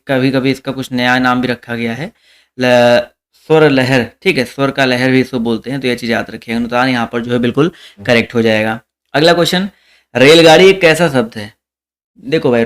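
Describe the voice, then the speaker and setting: A man's voice: medium pitch, smooth. A young man teaching a live online exam-prep class, reading questions aloud, repeating them and calling out the answers to his viewers.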